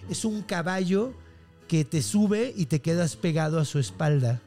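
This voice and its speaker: A man's voice: on the high side, animated, measured pace, dark tone, soft background music. A man with a Mexican Spanish accent, co-hosting a podcast in casual, slangy, joking banter. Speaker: podcast co-host.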